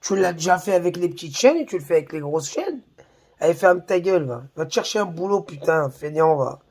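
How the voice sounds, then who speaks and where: Man, high-pitched, gravelly, mocking, slangy, swearing, vlog rant. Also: expressive, a little fast, darkish tone. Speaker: YouTuber. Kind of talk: heated insulting rant to camera.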